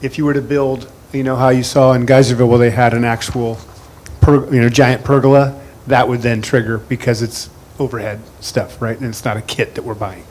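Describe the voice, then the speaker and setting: A man's voice: mid-range voice, flat delivery, brisk, darkish tone. A man at a board meeting explaining a resolution, hesitant with many fillers and restarts.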